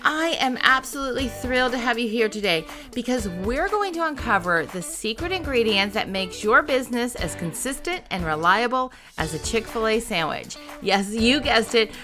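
A woman's voice: on the high side, expressive, moderate pace, few pauses, over music. A woman from Ohio hosting a podcast interview, upbeat and conversational, laughing often with her guest. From Ohio, USA. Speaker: podcast host.

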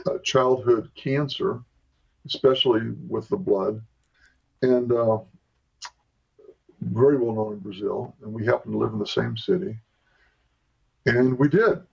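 A man in his sixties from Southern California, retelling a family story in a steady, plain way as an interview guest. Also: mid-range voice, unhurried, vocal fry, long pauses, slightly rough, muffled recording. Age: 60s. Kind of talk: storytelling in a conversation.

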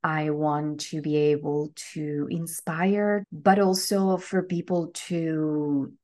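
A woman's voice: low voice, fairly even intonation, takes it slowly, darkish tone. A woman from Venezuela, hosting a podcast and telling her personal story in an earnest, heartfelt way. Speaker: podcast host.

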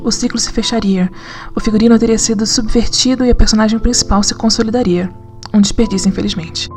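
A woman narrating a scripted essay in an analytical, conversational way with lively asides. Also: on the high side, quick pace, soft background music. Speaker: narrator and writer.

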